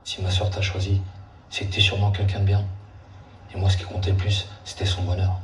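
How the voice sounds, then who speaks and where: Blunt, low-pitched man, played by an actor. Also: monotone, brisk, a little hiss or hum, close to an everyday voice. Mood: sincere, firm. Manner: blunt, plain-spoken. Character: plain-spoken, blunt man. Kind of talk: naturalistic film drama acting. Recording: echoey, distant from the mic.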